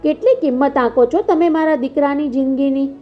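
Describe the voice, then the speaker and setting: A woman's voice: sits high, a little fast, highs cut off, lightly acted. Woman reading furious father, cutting scorn, faint music, storybook audiobook. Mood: bitter. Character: grieving father, bitter and furious.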